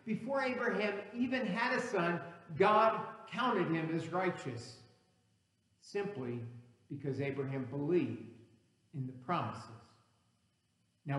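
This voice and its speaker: Man, pastor, sermon, second-language english, earnest teaching, raised pitch, long hall reverb. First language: not English. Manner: earnest, teaching, building emphasis on key words. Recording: echoey hall, reverberant room.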